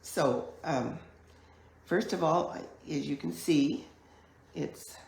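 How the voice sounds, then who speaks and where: Croaky, slow-talking woman teaching card making. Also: low-pitched, a little mellow. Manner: chatty, unhurried step-by-step explaining. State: hoarse from a chest cold. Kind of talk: live online crafting class. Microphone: camera mic at a craft table. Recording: echoey room.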